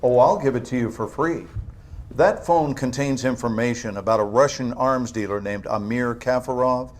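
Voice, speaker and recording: An actor playing a cold, controlled government agent interrogator, measured, stern and dryly sardonic, in a video game. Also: male voice, medium pitch, close to an everyday voice. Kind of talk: dramatic video game acting.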